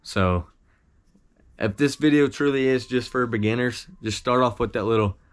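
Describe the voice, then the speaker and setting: A man giving an informal instructional talk as an amateur hunter, modest and halting in how he explains things. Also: mid-range voice, smooth. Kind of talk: casual instructional talk with demonstrations.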